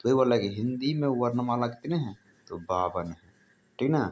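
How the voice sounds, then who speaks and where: A man teaching grammar in an informal, chatty way. He keeps repeating himself and asking questions that he then answers. His voice sits at an average pitch, with a faint hum of noise behind it. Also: animated, normal speed, a little mellow. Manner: repetitive, asks and answers his own questions; casual, addresses listeners as brother. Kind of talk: informal classroom-style explanation.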